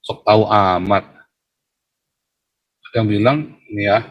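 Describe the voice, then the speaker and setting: A man's voice: lowish voice, fairly even intonation, measured pace, lo-fi sound. A man who is a pastor, talking casually to his livestream audience. He keeps calling his listeners brothers and sisters, and his voice jumps up when he gets worked up.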